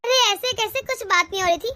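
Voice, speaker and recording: A woman's voice: extremely high pitch, quick pace, bright, forceful tone. A woman voicing a scheming, bossy sister-in-law in a cartoon, taunting and sly. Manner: taunting, sly, self-pitying. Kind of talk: cartoon voice acting.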